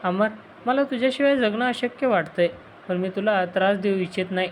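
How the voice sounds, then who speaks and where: A woman voicing a young woman in love who speaks in a soft, pleading way. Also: medium pitch, steady tone, fairly quick, a little hiss or hum, natural voice. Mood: anxious.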